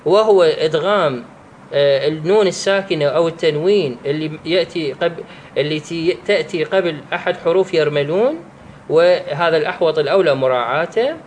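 A man with an Iraqi Arabic accent teaching the rules of Quran recitation, drawing out each example slowly and pausing to restart his sentences. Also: a little high, a little hiss or hum. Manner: slow, drawn-out recitation of examples; halting, with restarts and fillers. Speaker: religious teacher.

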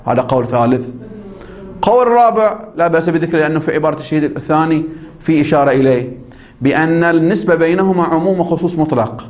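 A man gives a rapid seminary lecture, reading a legal text aloud and unpacking it line by line. His voice sits a little high for a man, and he keeps prodding his students with half-finished questions for them to fill in. The recording is dull and lo-fi. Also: expressive. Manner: quizzes listeners with prompting questions, checks understanding. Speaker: religious law teacher.

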